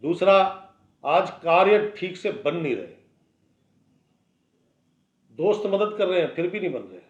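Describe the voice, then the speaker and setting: A man's voice: high-pitched, animated, a little slow. A man giving a daily horoscope as an astrologer, talking bluntly and warning listeners in a conversational, lecturing way. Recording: echoey room, dull lo-fi sound.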